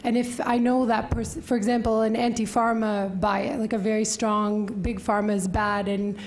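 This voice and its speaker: A young woman journalist speaks on a panel at a table microphone in a wood-panelled hall, keeping it conversational with lots of fillers. Her voice is medium in pitch with little movement, at a normal speed, and there's slight background noise.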